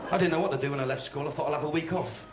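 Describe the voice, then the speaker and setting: A man's voice: fairly high pitch, rapid-fire, a crowd in the background. A man from England with a West Country accent, telling stand-up stories live on stage and switching voices for each character. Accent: English West Country. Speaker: stand-up comedian. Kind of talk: stand-up comedy set. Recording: echoey live hall with faint noise.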